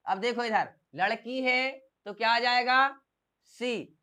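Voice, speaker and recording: English teacher guy, clean smooth voice, keeps asking the class the same thing over and over. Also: very high-pitched, slow, pushed and bright. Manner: drills by asking and repeating questions. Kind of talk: classroom grammar lesson.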